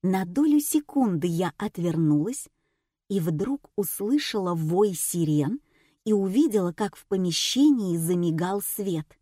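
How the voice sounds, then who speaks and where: A woman narrating an audiobook in the first person, wry and even. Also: on the low side, unhurried, dry recording, clean studio sound.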